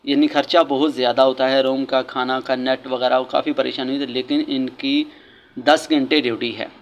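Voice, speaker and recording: A man's voice: medium pitch, flat delivery, normal speed, dull audio. A man from Pakistan giving casual, earnest vlog commentary at an outdoor construction site, repeating his key points as he gives advice. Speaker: vlogger.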